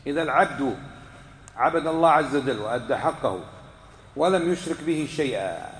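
A man's voice: mid-range voice, animated, a little fast. A man giving a religious lesson to a live class, quizzing his listeners and repeating key points for emphasis. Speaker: religious teacher. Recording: echoey hall with long reverb.

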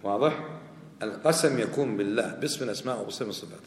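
A man's voice: fairly low pitch, racing, slight background noise. A man teaching a religious lesson, quizzing his students with questions he repeats. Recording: echoey hall.

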